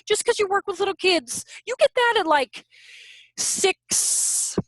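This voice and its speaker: High, lively woman presenter. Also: dry recording. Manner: animated, mixes in quick asides. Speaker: workshop presenter for teachers. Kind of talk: casual teaching talk. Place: room at home. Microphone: video call.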